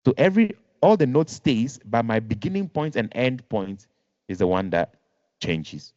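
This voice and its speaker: A man's voice: medium pitch, big pitch swings, moderate pace, a little mellow, no room sound. A man teaching a music lesson online, patient, repeating and rephrasing, counting notes aloud. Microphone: video call. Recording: dull lo-fi video call audio.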